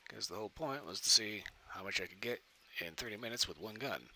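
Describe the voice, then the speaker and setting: Man, low voice, very lively intonation, casual gaming commentary, self-deprecating, cave-echo sound, game ambience behind. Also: fairly quick. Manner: self-deprecating, thinking aloud. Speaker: gaming video host. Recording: cave-like echoey sound, background noise.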